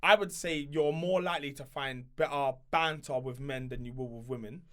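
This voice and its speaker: A man's voice: mid-range voice, normal speed, a bit bright, clear, resonant tone. A man with a London roadman accent, a guest chatting and bantering casually in street slang. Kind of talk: casual chat show banter.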